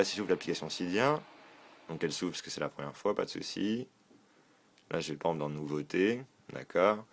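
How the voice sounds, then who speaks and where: A man with a very low voice talks through a phone tutorial in a loose, casual way. He hesitates often and corrects himself as he goes. He is recorded on a phone. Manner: informal, hesitant, many fillers and self-corrections. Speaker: tech tutorial host. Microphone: filmed on a phone.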